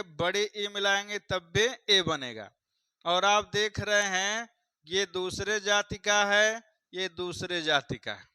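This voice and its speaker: A man with a Hindi accent teaches a grammar lesson for exam students, repeating each point, quizzing viewers and addressing them as friends. His voice is high, bright and forceful, with a clean tone and no echo, though the recording is rough.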